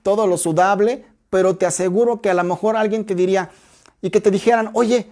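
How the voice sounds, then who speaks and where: A woman teaching a church Bible study in a measured, explanatory way, reading scripture aloud. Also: mid-range voice, fairly even intonation, darkish tone.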